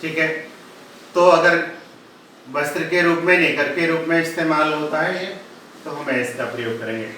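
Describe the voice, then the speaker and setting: A man teaching English grammar in a recorded lesson, explaining slowly in Hindi and spelling example words out letter by letter. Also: a little high, bright, forceful tone, distant mic. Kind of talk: recorded classroom-style lesson. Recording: echoey room, voice from off-mic, faint ambient noise.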